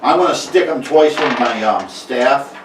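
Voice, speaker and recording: A man narrating as game master in a casual tabletop game, talking haltingly with many fillers and restarts. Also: medium pitch, lively intonation. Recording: echoey room, mic far off, faint noise.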